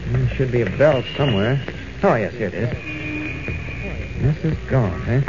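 An actor playing a polite, meek young reporter doing detective work in a 1940s radio serial, often thinking aloud. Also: male voice, medium pitch, huge pitch swings, unhurried. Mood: musing. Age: young adult. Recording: muffled, noisy old radio recording.

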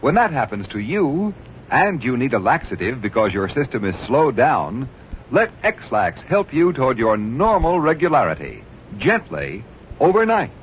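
Man, chipper 1950s ad announcer, animated intonation, reassuring, dull vintage radio sound. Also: medium pitch, moderate pace. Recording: muffled vintage radio, faint noise.

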